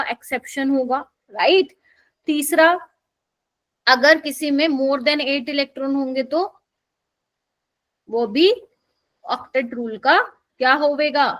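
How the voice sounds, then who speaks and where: A young woman with a high, bright-toned voice leads a live chemistry exam-prep class in Hindi laced with English terms. She quizzes students one item at a time and keeps checking that they follow. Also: low-quality recording. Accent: Hindi, mixed with English terms. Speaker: chemistry teacher.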